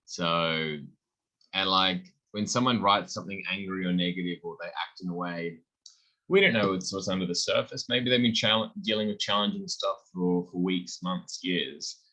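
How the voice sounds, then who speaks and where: A man's voice: sits low, moderate pace, poor audio. A young adult man, a guest on a podcast, talking casually and acting out bits of dialogue with animation. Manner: animated, acts out quoted dialogue. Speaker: podcast guest, beverage company founder. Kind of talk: casual conversational interview.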